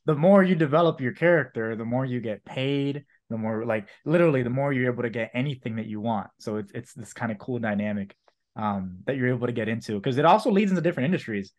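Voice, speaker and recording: A man's voice: medium pitch, lively intonation, fast. A man in his twenties talking casually, with lots of fillers, telling a story. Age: 20s. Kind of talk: casual chat.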